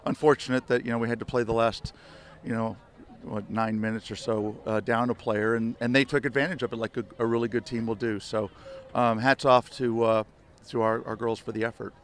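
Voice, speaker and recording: Older guy coaching soccer, talks kinda flat and monotone, lots of "you know" restarts, outdoors at night on the field. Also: medium pitch, a little fast. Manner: rambling, many restarts and "you know" fillers. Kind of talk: postgame media interview. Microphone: handheld reporter mics held close.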